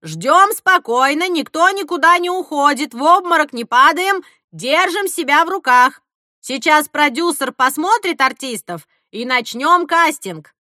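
A woman voicing a bossy female administrator who booms orders to a crowd. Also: lively intonation, unhurried, bright, forceful tone, no echo, clean studio sound, exaggerated voice. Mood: commanding. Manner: booming, commanding.

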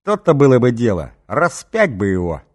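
A man voicing a crude, hotheaded drunken male thug in an audiobook, yelling and cursing. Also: mid-range voice, huge pitch swings, normal speed. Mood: crude griping.

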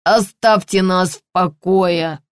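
A woman reading an audiobook, voicing an irritable stout middle-aged male police colonel who speaks slowly in gruff, clipped bursts. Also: mid-range voice, no echo, clean studio sound, lightly acted. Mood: grumbling. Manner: slow, gruff, loud clipped outbursts.

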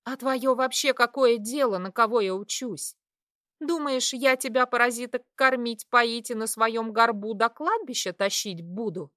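A woman's voice: fairly high pitch, animated, a little slow, no echo. Woman playing a defiant young woman student, angry, raised voice, heated, dry recording. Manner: heated, raised, sharp outbursts.

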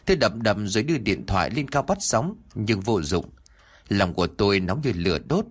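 A man narrating a first-person ghost story in an animated, dramatic way. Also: on the low side, moderate pace.

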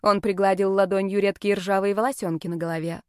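A woman's voice: medium pitch, flat delivery, fairly quick, clean tone, no room sound, clean studio sound. A woman narrating a first-person audiobook in a wry, sardonic tone.

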